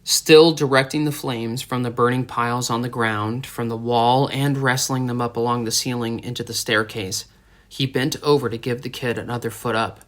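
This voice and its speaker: A male audiobook narrator reads a tense story in a steady, dramatic way. His voice sits at an ordinary middle pitch. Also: normal speed. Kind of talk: scripted narration.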